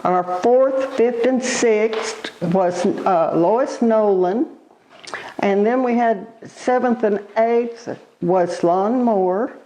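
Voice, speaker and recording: An elderly woman reminisces in an interview in a halting, unhurried way, pausing as she recalls. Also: on the high side, dark tone, poor audio. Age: elderly, born 1936. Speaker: oral history interviewee.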